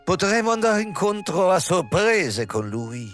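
A man's voice: fairly low pitch, animated, slow, soft background music. A man reading the part of a playful, girlish great actress with a teasing manner. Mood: rapt. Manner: teasing, coy, fluttering up and down.

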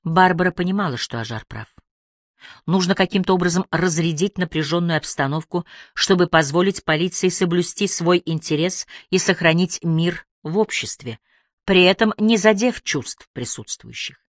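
Expressive woman audiobook narrator. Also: lowish voice, normal speed, no room sound, clean studio sound. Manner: clear, expressive reading. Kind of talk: scripted narration.

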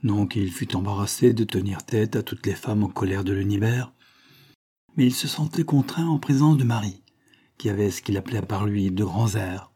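Dark, husky male narrator. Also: fairly low pitch, moderate pace. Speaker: audiobook narrator. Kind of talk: literary reading.

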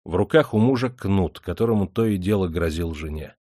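A man reading an audiobook in measured, even storytelling narration. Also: low-pitched, dry recording, studio quality.

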